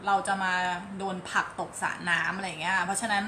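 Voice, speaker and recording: A woman's voice: mid-range voice, little pitch movement, brisk, sharp tone. A woman hosting a live parenting show, chatting casually and relaying her co-host's points to viewers. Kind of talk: live-stream parenting chat, translating for viewers. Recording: echoey room, faint background noise.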